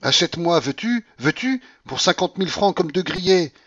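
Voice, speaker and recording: A man voicing a proud, feverish young woman in an audiobook, his voice raised and excited for her outbursts. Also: high-pitched, normal speed, dry recording, dull audio, pitched above the performer's own voice. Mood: sobbing. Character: proud feverish young woman, torn between scorn and love.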